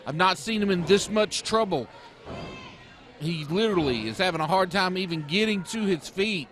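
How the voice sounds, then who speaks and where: A man's voice: high voice, normal speed, fairly bright tone, slight background noise. A man working as a wrestling color commentator, reacting to the match in an emphatic, dramatic way. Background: crowd at a wrestling event.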